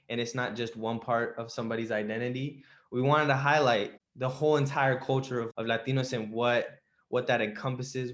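A man's voice: medium pitch, a bit bright. A young man hosting a podcast, introducing the show and guest in a friendly, casual way. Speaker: podcast host.

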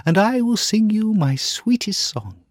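A man's voice: high-pitched, sing-song, measured pace, no room sound, clean studio sound, voice pushed up. A man voicing a lovelorn female nightingale in a storybook reading, speaking lyrically and earnestly. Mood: pleading. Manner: lyrical, earnest, softly lilting.

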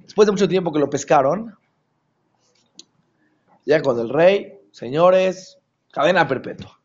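A man giving a Torah class as a religious teacher, animated and rhetorical, often checking that his listeners follow. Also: a little high, unhurried, husky, muffled recording.

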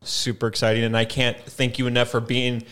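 A man's voice: mid-range voice, monotone, moderate pace, fairly bright tone, clean tone. A man who produces the podcast, chatting in an easygoing, rambling way with many fillers. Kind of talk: casual chat.

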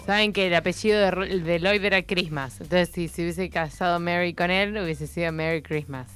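A woman's voice: on the low side, steady tone, fairly quick, a bit bright, smooth, soft background music. A woman with a Rioplatense Spanish accent, co-hosting and bantering jokingly in a casual quiz chat. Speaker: podcast co-host.

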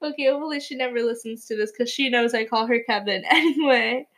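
A woman's voice: on the high side, fast talker, fairly bright tone. Giggly teen girl telling gossip. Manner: giggly, lots of "like" fillers. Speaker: podcast co-host. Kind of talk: casual chat, storytelling.

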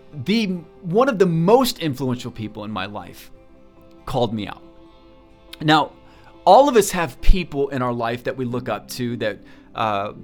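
A man telling a personal story in a talk, earnest and halting, often repeating words as he goes. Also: mid-range voice. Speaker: speaker.

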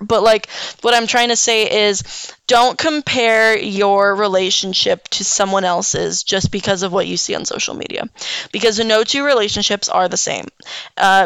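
A woman's voice: medium pitch, a bit bright, clear, resonant tone, no echo. A young woman hosting a casual solo podcast, rambling frankly with lots of "um" and "like", swearing often, yawning and hiccuping. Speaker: podcast host.

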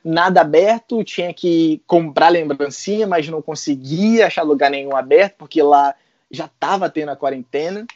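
A man with a Brazilian Portuguese accent, an interview guest telling a personal story in a casual, animated way with frequent laughs and slang. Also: a little high, moderate pace, no echo. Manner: animated, laughs often, mixes in colloquial slang. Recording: dull lo-fi sound.

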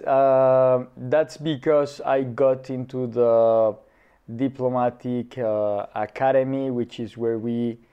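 A man of thirty from Colombia, a guest in a casual interview, talking with many pauses and fillers. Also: mid-range voice, smooth, highs cut off. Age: 30s.

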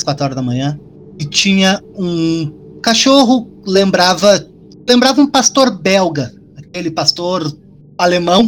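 A man co-hosting a podcast, telling a personal story in casual, animated, profane chat. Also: sits high.

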